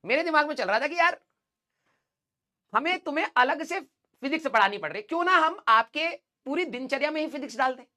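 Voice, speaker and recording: A man's voice: extremely high pitch, expressive, fairly quick, sharp tone. Casting: a man as a playful, joking physics teacher who teases his online students, laughs a lot and tosses in English physics terms. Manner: teasing, playful, laughs often; mixes English physics terms into casual speech. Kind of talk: joking banter in a live online class.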